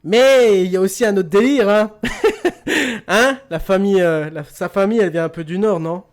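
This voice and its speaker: A man's voice: high voice, normal speed. A man hosting a casual quiz show, joking, laughing often and repeating his words. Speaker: host of an online quiz radio show.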